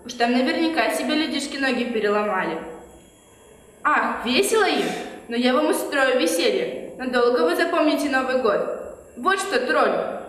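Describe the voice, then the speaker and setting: A woman acts out an imperious, spiteful snow queen in a children's fairy-tale play. Her high voice scolds haughtily and theatrically. It carries from afar through a reverberant hall. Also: animated, moderate pace, fairly bright tone. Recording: distant, very echoey hall, faint noise.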